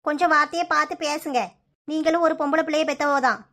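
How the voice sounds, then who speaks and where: A woman's voice: high-pitched, steady tone, fast, bright, forceful tone. A woman voicing a protective middle-aged mother of the bride in a comic cartoon, with a Kanyakumari Tamil accent and a firm, placating manner. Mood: indignant.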